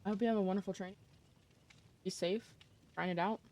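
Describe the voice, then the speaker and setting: A woman's voice: medium pitch, fairly even intonation, fairly quick, mellow. A young adult woman streaming live, chatting casually with her chat while gaming and greeting viewers by name.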